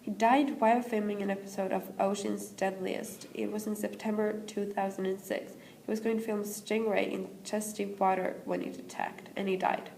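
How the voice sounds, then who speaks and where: A teenage girl with a Swedish accent reads a school presentation in English at a steady pace. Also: mid-range voice, moderate pace, gravelly, hardly any pauses. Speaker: student presenter. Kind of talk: school presentation read aloud. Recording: echoey room with faint hiss.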